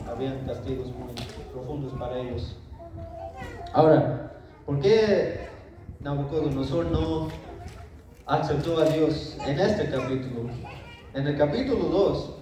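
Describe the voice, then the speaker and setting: A man's voice: fairly high pitch, unhurried, pauses often, dark tone. A man preaching an informal Bible lesson to his congregation, talking in a conversational way, often asking "right?" and acting out the king's lines. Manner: conversational, acts out the king's lines, tag questions. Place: church hall. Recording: echoey hall, voice from far off, background noise.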